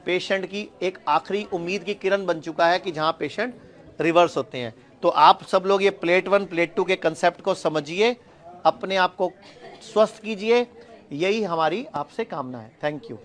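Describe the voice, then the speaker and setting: A man's voice: high voice, normal speed. A man giving an explanatory health talk to the camera from a hospital campus, restating each point in simpler words. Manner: explanatory, repeats points with "yani ki". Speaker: health speaker.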